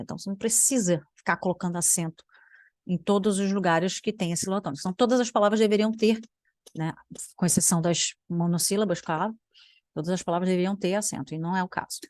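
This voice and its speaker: A young Brazilian woman who teaches languages speaks quickly in a lowish, slightly mellow voice with a Brazilian Portuguese accent. Recorded in a clean studio with no echo, she offers sarcastic reaction commentary, thinking aloud and trailing off into mutters.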